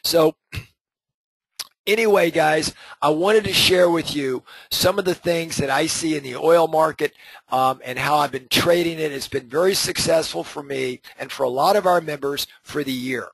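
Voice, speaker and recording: Husky, dry-voiced man teaching trades. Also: on the high side, moderate pace, fairly bright tone, no room sound, rough recording. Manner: conversational, frequent "okay?" and "right?" check-ins. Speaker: trading group host. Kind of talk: casual market lesson over charts.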